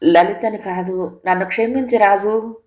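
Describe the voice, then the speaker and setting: A woman's voice: mid-range voice, steady tone, a little slow, a little mellow, lightly acted. A woman reading the lines of a grieving young woman who pleads through tears in an audio story. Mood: tearful pleading. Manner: tearful, pleading, poetic.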